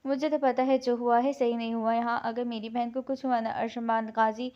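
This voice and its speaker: A woman's voice: a little high, little pitch movement, normal speed, a little mellow, dull audio, close to an everyday voice. A woman voicing a protective young woman, anxious for her sister and firm with threats. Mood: worried.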